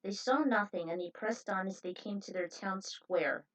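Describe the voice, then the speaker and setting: Over a muffled, dull lo-fi recording, a female host narrates fan fiction casually and conversationally. She speaks at a normal speed in a mid-range voice.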